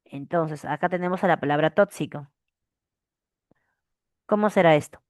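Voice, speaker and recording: A woman's voice: deep voice, normal speed, no echo, studio quality. A woman teacher, explaining a grammar lesson and repeating key phrases as she checks understanding. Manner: repeats key phrases, asks frequent "¿de acuerdo?". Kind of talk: classroom language lesson.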